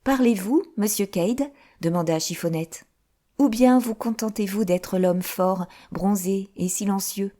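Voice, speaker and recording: A woman reading an audiobook, voicing a bright, teasing young noblewoman with a lively, mocking manner. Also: mid-range voice, a little slow, natural voice.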